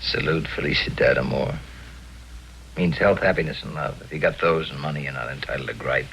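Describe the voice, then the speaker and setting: An actor playing a weary insurance investigator in a 1950s film, dry and laconic. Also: male voice, extremely low pitch, brisk, creaky, fairly bright tone, slight background noise, full character voice, poor audio. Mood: wry. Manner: wry, laconic.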